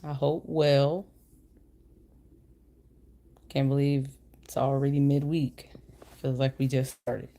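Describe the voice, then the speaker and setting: A woman's voice: rumbling low, flat delivery, slow, pauses often, warm tone. A woman hosting a casual livestream chat, talking in an informal, slangy, meandering way, her speech slightly slurred by the retainer she is wearing. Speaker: livestream host.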